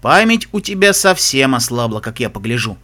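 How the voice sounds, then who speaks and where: A man's voice: medium pitch, very animated, moderate pace, pushed and bright, voice pushed down. A man reading an audiobook, voicing a drowsy, ironic stallion who works as a spy. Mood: teasing. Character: lazy teasing stallion spy.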